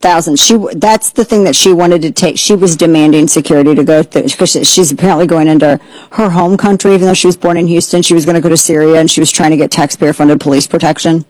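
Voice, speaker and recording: A woman hosting an opinionated political commentary show, sarcastic and mocking, with quick asides. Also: low voice, fairly even intonation, darkish tone, no echo, poor audio. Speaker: host.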